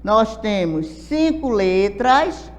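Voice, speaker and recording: A woman's voice: mid-range voice, very animated, extremely slow, long reverb tail. A woman from Brazil teaching an adult literacy lesson, explaining step by step and checking in with questions.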